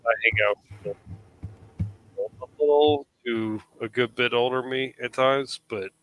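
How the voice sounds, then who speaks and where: A man's voice: medium pitch, normal speed, fairly bright tone, low-quality recording. A man in his thirties chatting casually on a live show, rambling with frequent restarts. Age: 30s. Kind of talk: casual chat.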